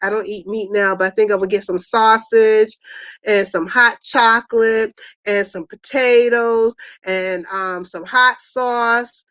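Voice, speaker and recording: A woman's voice: medium pitch, fairly even intonation, slow, a bit bright, clear, resonant tone, dry recording. Chatty woman, rambling on a dull mic. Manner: rambling, many fillers and restarts. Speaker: host of an online wellness party. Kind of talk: casual chat. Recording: dull, lo-fi sound.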